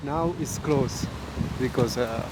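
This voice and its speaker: A man who is not a native English speaker gives casual walking-tour commentary in halting, repetitive, simple broken English, as a travel vlogger. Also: medium pitch. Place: outdoors, walking in a city park. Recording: loud wind and outdoor noise.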